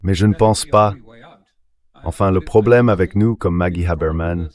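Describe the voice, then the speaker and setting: In a dubbed translation, a low-pitched man appears as an interview guest, delivering measured, explanatory political analysis.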